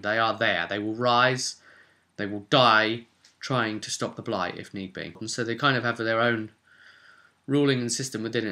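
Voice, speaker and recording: Here a British man with a lowish, sharp-toned voice hosts his own vlog as a game master. He rambles informally without a script, chatting and working through his thoughts out loud.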